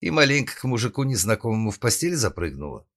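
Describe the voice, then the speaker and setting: A man's voice: lowish voice, very animated, fast talker, a bit bright, voice pushed up, heavily acted. A man voicing a sarcastic, scolding young woman. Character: sarcastic, protective young woman, stern friend.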